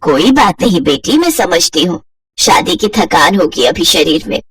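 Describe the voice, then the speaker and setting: A woman voicing a kind, loving middle-aged mother-in-law who speaks softly and soothingly. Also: lowish voice, animated, normal speed, husky, no echo, clean studio sound, voice pushed down. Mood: gentle soothing. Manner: soft, soothing, affectionate.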